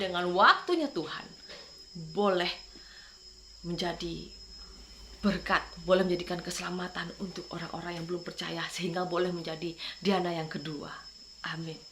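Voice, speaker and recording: A woman's voice: fairly low pitch, bright, forceful tone, a little hiss or hum. Fervent woman preacher, faint crickets. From Madura. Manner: fervent, repeats "saudara" at phrase ends. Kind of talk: sermon with personal testimony.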